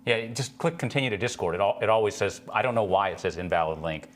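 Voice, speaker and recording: Man, lowish pitch, dry humor, casual livestream co-host, background hum and noise. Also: fast. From Houston, Texas area. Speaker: co-host of a live stream.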